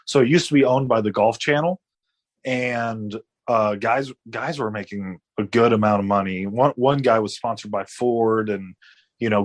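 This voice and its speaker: Late-twenties male guest, low-pitched, chatty and rambling. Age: 20s. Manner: rambling, many fillers and restarts. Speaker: guest athlete. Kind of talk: casual interview storytelling.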